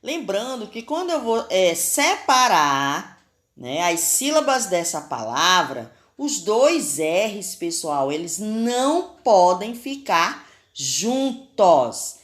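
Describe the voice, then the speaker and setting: A woman's voice: mid-range voice, sing-song, takes it slowly. A woman teacher with a Brazilian Portuguese accent, giving a recorded spelling lesson to children and carefully sounding out letters and syllables.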